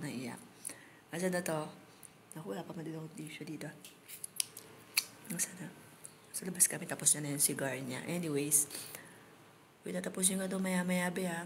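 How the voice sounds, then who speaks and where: A woman's voice: on the low side, gravelly, slight background noise. A woman from the Philippines, chatting emotionally and directly with viewers on a live stream, speaking into a phone outdoors. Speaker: livestreamer. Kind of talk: casual live-stream chat.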